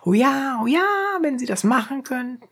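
A woman voicing an excited crowd of young townswomen, shrill and clamoring as they beg, with a husky voice. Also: normal speed, full character voice.

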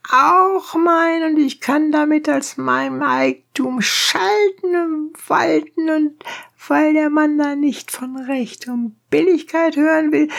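Woman putting on a high shrill donkey driver, shouting, indignant, storybook voice. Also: gravelly. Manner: shouting, pleading.

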